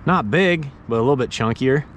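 A man in his thirties chatting casually on a fishing vlog from a kayak on a pond, easily excited and saying dude and bro. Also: mid-range voice, a little fast, slight background noise. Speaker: fishing vlogger. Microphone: action camera mounted on the kayak.

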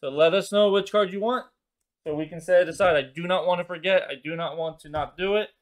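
Male livestream co-host, slightly high voice, casual and playfully teasing. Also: fairly even intonation, quick pace.

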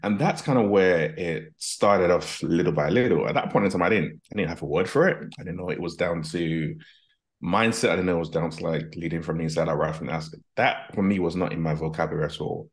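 A man's voice: low-pitched, fairly quick. A man from Nigeria who grew up in Britain, a guest executive coach earnestly telling his story over a video call on a headset. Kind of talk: reflective storytelling. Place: home office, video call.

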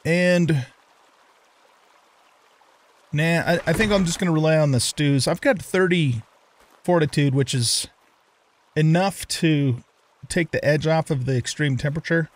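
A man's voice: fairly high pitch, unhurried, long pauses. Older man rambling through gameplay. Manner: rambling, thinks aloud with fillers. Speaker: let's play host. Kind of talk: casual gameplay commentary.

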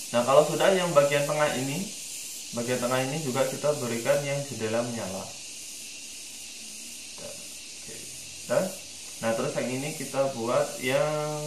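A man's voice: medium pitch, echoey room, background noise. Man talking through a 3D tutorial. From Indonesia. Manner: thinking aloud with many fillers. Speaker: tutorial instructor. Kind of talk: screen-recorded software tutorial.

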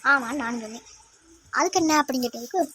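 A woman's voice: high voice, lively intonation, fast talker, bright, forceful tone, husky, exaggerated voice. A woman voicing a fond, scolding middle-aged mother-in-law in a cartoon, with a Tirunelveli Tamil accent. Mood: recounting. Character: doting middle-aged mother-in-law, bossy with her son. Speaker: cartoon character.

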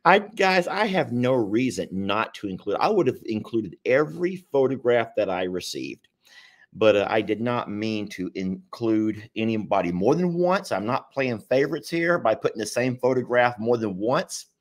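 A man with a deep Southern Texas drawl, chatting casually and jokingly on a live stream in a folksy, rambling way. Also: very animated, normal speed. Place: living room at home.

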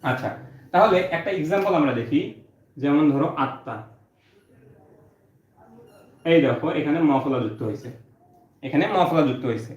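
A man's voice: a little high, expressive, fast talker. A male teacher, giving an exam-prep lesson and explaining step by step, saying each point twice. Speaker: Bangla teacher. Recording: roomy, dull lo-fi sound.

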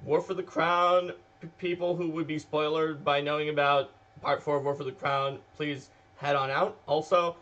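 A man's voice: fairly high pitch, level tone, moderate pace, few pauses, a bit bright. Chatty man with a dull lo-fi sound. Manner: chatty, rambling with many fillers. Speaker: podcast co-host. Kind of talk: casual chat.

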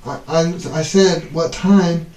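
A man in his twenties hosting a casual stunt vlog, talking in halting bursts and exclamations as he deals with the cold. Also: fairly high pitch, steady tone, crowd noise. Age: 20s. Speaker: video host. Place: small bathroom, in the tub, filmed by another person's handheld camera. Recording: echoey bathroom with noticeable background noise.

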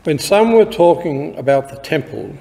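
Man, Australian accent, priest, measured liturgical reading, somewhat high voice, cathedral echo. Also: lively intonation, vocal fry, warm tone. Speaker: priest celebrating Mass. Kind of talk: reading the Gospel aloud at Mass. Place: large church. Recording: long cathedral reverb.

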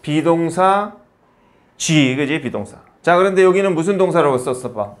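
A man's voice: a little high, lively intonation, normal speed. A man teaching basic English grammar in a casual lesson, explaining patiently in short phrases and asking and answering his own questions.

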